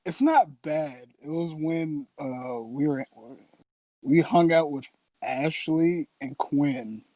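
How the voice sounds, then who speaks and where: Animated young man, dry close sound. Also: a little high, slow pace, no room sound. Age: young adult. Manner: animated, laughs through his stories. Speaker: guest. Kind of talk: casual podcast chat.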